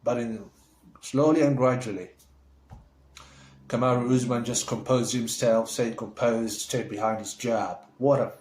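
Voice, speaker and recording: A man's voice: mid-range voice, steady tone, unhurried, a little mellow, slight background noise. Man, from Somalia, vlogger, casual rambling chat, lots of fillers, roomy echo. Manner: rambling, chatty, with many fillers and restarts.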